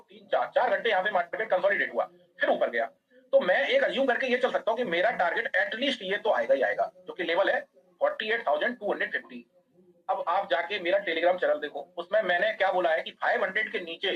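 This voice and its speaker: Fast-talking man teaching a trading class. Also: sits high, breathy edge, lo-fi sound. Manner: fast, explaining a chart, quizzing students by name. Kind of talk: live online class.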